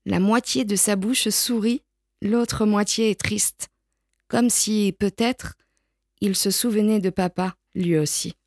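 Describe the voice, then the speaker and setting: A woman reading a children's picture book aloud in a slow, gentle storytelling manner. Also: medium pitch, steady tone, dry recording, studio quality. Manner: slow, gentle storytelling with lifted voices for the brother. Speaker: storybook reader.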